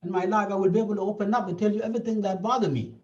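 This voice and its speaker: A South Sudanese man with a high-pitched, steady, slightly mellow voice speaks very fast. He is a therapist being interviewed, earnestly explaining his points and often repeating them. The recording sounds dull and echoey, as if captured from a distance.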